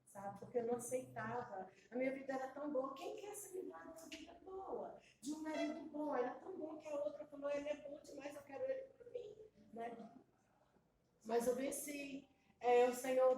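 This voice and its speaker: A woman's voice: sits high, darkish tone, a little hiss or hum. A middle-aged woman from Brazil giving an emotional, confiding testimony to her congregation. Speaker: preacher. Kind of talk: testimony sermon. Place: church hall. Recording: echoey church hall, mic far off.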